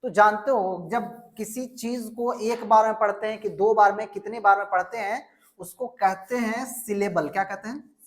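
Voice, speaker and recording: A woman's voice: medium pitch, normal speed. A woman teaching an English grammar lesson, asking questions and answering them herself, and stretching out example words. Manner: drills with repeated questions and answers.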